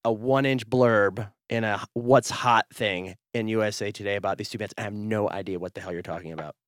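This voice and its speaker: A man's voice: on the low side, steady tone, dry recording, studio quality. A middle-aged man from North Carolina hosting a podcast, playfully acting clueless with lots of fillers and stumbles. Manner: plays dumb, halting with many fillers. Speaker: podcast host. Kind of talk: playful role-play interview.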